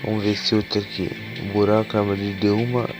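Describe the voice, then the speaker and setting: A gaming YouTuber with a cold speaks in a hoarse, lowish voice at a fast clip, casually swearing and getting excited as cards are revealed while he opens packs. Game music plays behind him.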